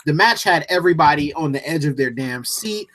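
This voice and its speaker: A man co-hosting a casual podcast chat, telling an animated, jokey story. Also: a little high, a little fast. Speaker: co-host.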